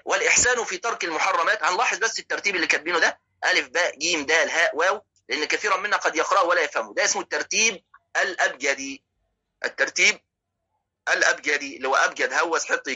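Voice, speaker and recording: A man with an Egyptian accent teaches a religious lesson, breaking each point down and firing rhetorical questions at his listeners. His voice is tense and bright with a husky edge, and he sits a little above the usual male pitch. He talks at a racing clip. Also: very fast, rough recording. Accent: Egyptian Arabic. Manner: explanatory, poses rhetorical questions and checks in with listeners. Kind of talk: religious lesson explaining hadith.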